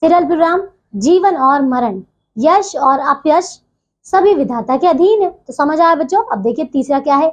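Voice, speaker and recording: High-voiced woman teaching children grammar. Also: lively intonation, moderate pace, muffled recording. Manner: patient, repeats "theek hai bachchon" constantly. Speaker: school Hindi teacher. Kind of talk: online grammar lesson for children.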